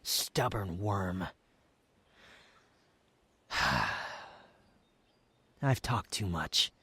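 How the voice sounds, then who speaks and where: A man playing an aloof, proud, sardonic young wanderer in an intimate roleplay audio drama, speaking in haughty, formal, halting phrases. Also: deep voice, bright, forceful tone, breathy edge, dry recording, exaggerated voice. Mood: scoffing, defensive, then subdued, hesitant. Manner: haughty, formal wording, halting, sighs and scoffs.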